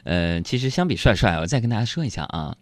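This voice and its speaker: A man hosting a radio show, joking through a playful, self-mocking monologue that sometimes stammers when he gets excited. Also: fairly low pitch, fast talker, dry recording. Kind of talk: comic monologue.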